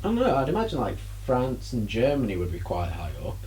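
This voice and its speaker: A man's voice: mid-range voice, huge pitch swings, fast, warm tone, a little hiss or hum, low-quality recording. A man, co-hosting a podcast in casual, teasing, profane banter. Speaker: podcast co-host.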